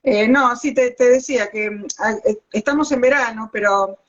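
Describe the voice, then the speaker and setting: Mujer argentina aguda, audio de teléfono apagado. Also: female voice, on the high side. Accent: Argentine Spanish. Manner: chatty, talks in quick asides. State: overheated from the heat. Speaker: guest biologist and ecologist. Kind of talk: casual live video chat. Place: hallway at home beside the router. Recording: lo-fi phone audio.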